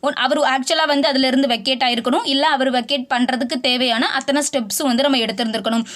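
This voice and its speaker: Brief: fast-talking woman tax tutor, high bright pitch, restates rules plainly, video lesson. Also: fairly even intonation. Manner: mixes English legal terms into Tamil, reads rule text slowly; brisk, repeats points in plain words.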